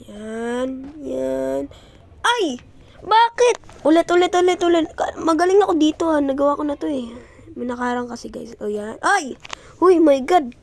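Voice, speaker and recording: A young woman from the Philippines giving excitable, casual commentary while playing a video game, yelping and praising herself. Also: a little high, vocal fry. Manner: excitable, yelps and self-praise. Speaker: gameplay streamer.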